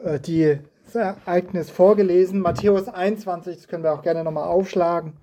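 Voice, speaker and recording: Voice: medium pitch, steady tone, a little fast, mellow, slight background noise. A preacher giving a sermon indoors in a house, reading scripture and asking the listeners reflective questions.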